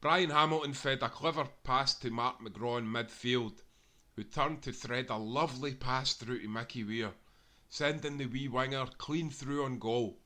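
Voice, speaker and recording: A Scottish narrator reads a football history tale aloud, earnest and making small self-corrections as he goes. His voice is medium-pitched, pushed and bright.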